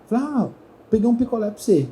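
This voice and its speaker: Animated man with a very dark voice. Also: high-pitched, quick pace, poor audio. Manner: animated storyteller who acts out voices in dialogue. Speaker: speaker at a trade fair. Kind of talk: storytelling talk to an audience. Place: talk stage at a trade fair.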